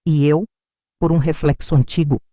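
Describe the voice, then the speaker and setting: A woman, narrating her own story in a calm, measured, reflective way. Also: deep voice, dry recording, studio quality. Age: 60s. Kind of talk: first-person story narration.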